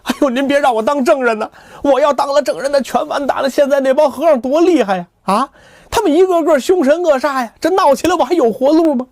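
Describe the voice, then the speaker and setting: A man's voice: very high-pitched, quick pace, darkish tone, no room sound, clean studio sound, pitched above the performer's own voice. A man doing a stammering, frightened young gossip. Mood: nervous pleading. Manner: stammering, fearful pleading.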